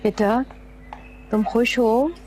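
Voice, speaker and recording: A grave, gentle Pakistani mother. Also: on the high side, fairly even intonation, slow, slight background noise. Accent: Pakistani Urdu. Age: middle-aged. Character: gentle, grave middle-aged mother advising her children. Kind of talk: TV drama acting. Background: background music.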